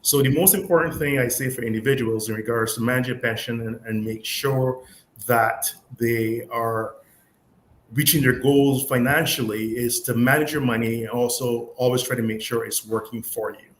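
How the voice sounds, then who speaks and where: A man in his fifties from Barbados, a pension expert, calmly explaining money matters on a talk show with many fillers. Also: medium pitch, normal speed. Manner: calm, explanatory, with frequent fillers. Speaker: pension and investments guest expert. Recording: echoey room with faint noise.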